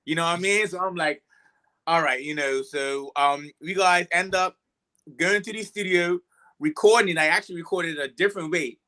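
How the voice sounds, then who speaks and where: Bright-voiced Bermudian man telling stories. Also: a little high, moderate pace. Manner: animated retelling with quoted dialogue. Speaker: guest musician, singer. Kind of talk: casual interview chat, storytelling.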